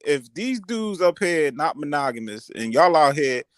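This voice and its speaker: A man on a talk stream panel in casual chat, playful and quick to jump in with questions. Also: fairly high pitch, very animated, a bit bright.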